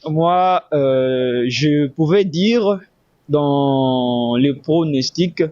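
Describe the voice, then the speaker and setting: A man from the Democratic Republic of the Congo gives halting answers in a street interview, often pausing to search for words. The recording is dry and dull. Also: on the high side, darkish tone, no echo.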